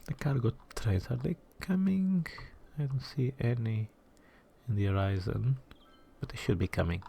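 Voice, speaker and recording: A man's voice: medium pitch, normal speed, gravelly, warm tone, husky. A man hosting a city-building game playthrough, thinking aloud, muttering asides to himself and now and then dropping to a whisper, chatty and self-deprecating toward his viewers. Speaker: gaming channel host. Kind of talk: let's-play commentary while building a city.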